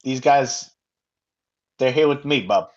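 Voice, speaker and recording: A man's voice: mid-range voice, takes it slowly, a little mellow, lo-fi sound, natural voice. A man doing a brash New York watch captain. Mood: tough. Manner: gruff, bossy. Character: brash male watch captain, tough-talking.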